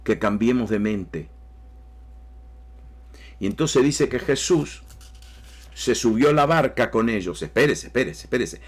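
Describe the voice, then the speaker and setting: A man's voice: medium pitch, lively intonation, unhurried, long pauses, slightly rough. A man preaching a sermon emphatically, with rising bursts and repeated phrases. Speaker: pastor.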